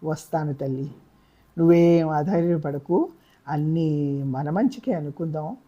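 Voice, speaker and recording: A woman reading a novel aloud, voicing a guilt-ridden older father who speaks softly and apologetically. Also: sits low, measured pace, husky, dull audio. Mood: remorseful. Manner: soft, apologetic. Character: remorseful helpless older father.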